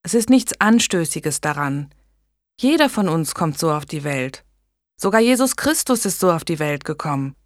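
A woman's voice: sits low, big pitch swings, normal speed, no room sound, clean studio sound. A woman reading an audiobook and voicing a resolute, caring noblewoman who speaks firmly and protectively. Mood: soothing. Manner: firm, indignant.

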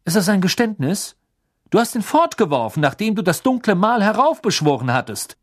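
A man's voice: high voice, big pitch swings, brisk, pitched above the performer's own voice. A man voicing a harsh, suspicious male ministry official who blusters and accuses. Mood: accusing.

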